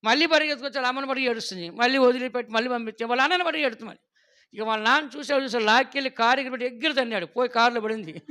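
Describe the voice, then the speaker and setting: A man preaching a sermon as pastor, often asking the congregation questions and prompting them to answer, with lively storytelling. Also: very high voice, racing. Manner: animated storytelling with quoted voices.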